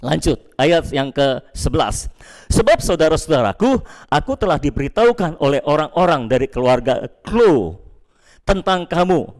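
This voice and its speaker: A high-pitched man preaches a sermon in a church. He is emphatic, jumps up in pitch and stretches out key phrases, then drops his voice low when he addresses the congregation. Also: big pitch swings, darkish tone. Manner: emphatic, with leaps up in pitch and slowed stressed phrases.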